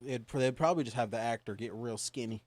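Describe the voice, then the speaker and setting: A man chatting on a podcast in a dry, close-sounding room, with a medium pitch. His talk is loose and full of fillers, and he curses offhandedly as he makes his points. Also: fast, dry recording. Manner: loose and filler-heavy, swears casually. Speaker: podcast co-host. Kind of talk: casual film discussion.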